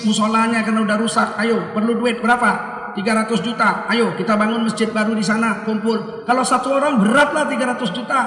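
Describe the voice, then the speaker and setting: A man gives a humorous sermon, animating little scenes of everyday talk. His voice sits high and bright. He is recorded at a distance in an echoey hall. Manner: lively, acts out dialogues with raised voice. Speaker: preacher.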